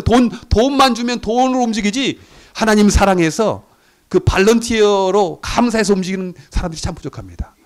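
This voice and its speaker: A middle-aged male pastor preaching a sermon in an earnest way, his voice rising to emphatic peaks and then dropping soft. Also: fairly high pitch.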